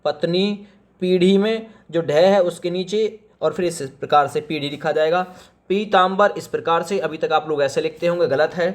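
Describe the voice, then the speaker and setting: A man teaching Hindi spelling for exam preparation, repeatedly telling viewers to pause the video and look carefully. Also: a little high. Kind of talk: exam-prep spelling lesson.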